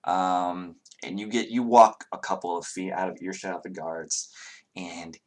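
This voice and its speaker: A man's voice: low voice, little pitch movement, unhurried. A man narrating as game master of a tabletop game, talking hesitantly with many fillers.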